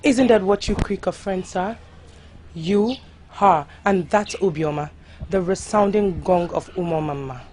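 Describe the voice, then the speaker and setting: A woman's voice: lowish voice, unhurried, darkish tone, a little hiss or hum, lightly acted. An actress playing a proud, vengeful young village woman who speaks coldly and haughtily. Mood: haughty. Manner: cold, haughty and threatening.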